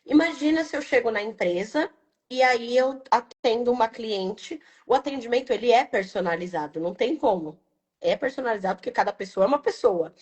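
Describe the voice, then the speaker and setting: A young adult woman, a business owner, talking in a casual, reflective and emotional way, tagging her phrases with quick questions. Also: fairly high pitch, expressive, a little mellow. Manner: reflective, emotional, frequent "né" tags. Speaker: business owner interviewed about her brand. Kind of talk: casual heartfelt testimonial.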